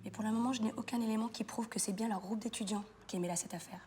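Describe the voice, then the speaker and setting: A woman's voice: on the high side, steady tone, slight background noise, close to an everyday voice. An actress playing a brash, stubborn young trainee policewoman who talks bluntly. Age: young adult. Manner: cocky, blunt, quick. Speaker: trainee police officer undercover. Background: loud music score.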